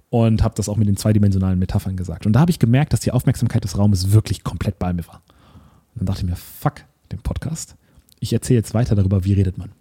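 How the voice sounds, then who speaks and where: Dark husky-voiced man talking casually. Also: on the low side. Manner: animated, self-correcting, mixes English words. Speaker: podcast co-host. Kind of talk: casual podcast talk.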